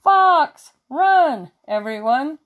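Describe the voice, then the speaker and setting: A woman voicing an excited little male duckling with high, squeaky cries in a storybook. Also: extremely slow, heavily acted. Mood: alarmed. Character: excited small male duckling crying alarms.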